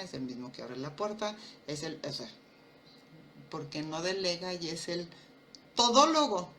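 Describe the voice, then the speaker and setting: A woman, talking to camera about family roles and acting out dialogue in a lively storytelling way. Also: lowish voice, slight background noise. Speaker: nutrition and empowerment speaker. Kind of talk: personal talk to camera.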